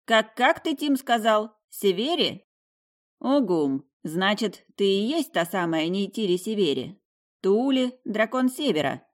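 A woman voicing a fussy, distracted male ghost gatekeeper in an audiobook, raising her voice high for him. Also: sing-song, unhurried. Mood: mock-polite. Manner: distracted, raised, mock-polite.

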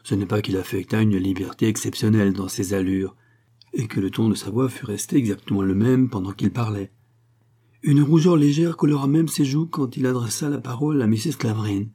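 A man reading a classic novel aloud as an audiobook narrator, in a measured way. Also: on the low side, mellow, breathy edge. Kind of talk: scripted narration.

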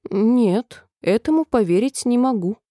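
Polite curious little girl in a storybook, voiced by a lady reader, a bit higher, dry and close. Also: expressive, unhurried, dry recording. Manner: polite, gently puzzled questions.

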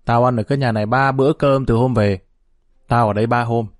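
A menacing, bitter ex-convict, played by a male narrator, growling threats in a low, hard voice. His delivery is steady and close to the narrator's own pitch. The sound is dry and close. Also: brisk, no echo, lightly acted. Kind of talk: dramatized story reading.

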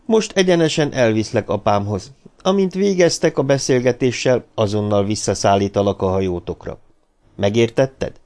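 A man's voice: medium pitch, expressive, darkish tone, close to an everyday voice. A man reading the part of a stern, guarded middle-aged man in formal, cool tones. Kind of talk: audiobook dialogue reading.

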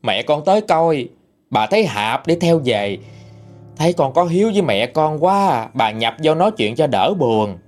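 A man's voice: a little high, sing-song, moderate pace, a little mellow, soft background music. A man voicing the ghost of an old drowned woman speaking through a living woman, tearful and pleading. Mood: grieving, tearful.

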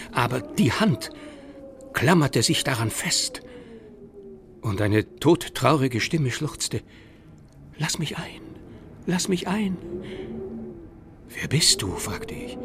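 An actor playing a genteel city gentleman in a radio play, reading his first-person account in a dramatic way. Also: mid-range voice. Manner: wry, then tense and dramatic. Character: genteel male city gentleman, rattled by a ghost.

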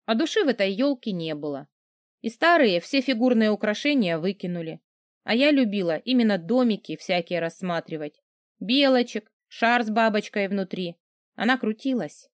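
A woman voicing a cheeky young woman in an audiobook, pert and lively, sometimes wistful. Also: mid-range voice, normal speed, no room sound, clean studio sound, lightly acted. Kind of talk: audiobook character reading.

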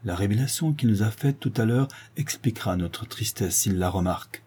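A man's voice: lowish voice, animated, moderate pace, warm tone, breathy edge. A man reading an audiobook, voicing a young nobleman who answers his mother in a cold, restrained and solemn way. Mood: hushed. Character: grave, stern young nobleman, a shamed son.

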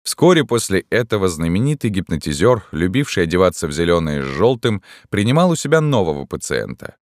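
Deep-voiced man reading a story. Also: sing-song, a little fast, no echo, clean studio sound. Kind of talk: audiobook narration.

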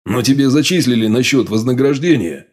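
A male audiobook reader voicing a calm, monstrous mutant sage with a low growling voice. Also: lightly acted. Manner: calm, unhurried. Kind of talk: audiobook character voice.

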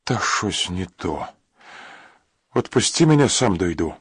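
A man's voice: low-pitched, big pitch swings, takes it slowly, a bit bright, breathy edge, no room sound, clean studio sound, heavily acted. A man voicing an old, ailing rural father who mixes in Ukrainian words. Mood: weary. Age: older. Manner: rustic speech with Ukrainian words. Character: old ailing male Cossack-country father, suspicious.

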